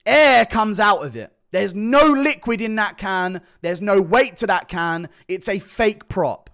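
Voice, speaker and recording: A man's voice: sits high, expressive, a little slow, a bit bright, clear, resonant tone. Emphatic man reacting to a clip. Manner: emphatic, repeats quoted lines, profane. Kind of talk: reaction commentary.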